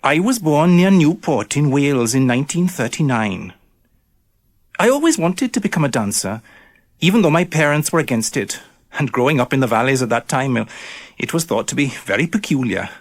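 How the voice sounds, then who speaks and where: A man reading the part of an older male ballet master in a scripted exam monologue, measured and steady. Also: mid-range voice. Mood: reflective.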